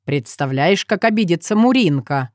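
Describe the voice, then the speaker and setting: A woman's voice: on the low side, animated, moderate pace, a little mellow, dry recording, studio quality, close to an everyday voice. A woman reading a storybook, voicing a sly, self-satisfied male fox who teases. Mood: teasing.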